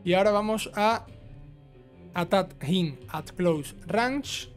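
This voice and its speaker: A high-pitched man with a Spanish accent walks through a video game step by step at a slow pace, with faint music in the background. He hosts a trophy guide, and his informal, instructional delivery often closes phrases with a checking tag.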